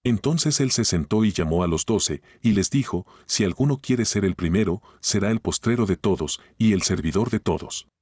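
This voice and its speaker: A man reading the Bible aloud in a steady, measured way, phrase by phrase. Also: lowish voice, slightly rough, dry recording, clean studio sound. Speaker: Bible reader.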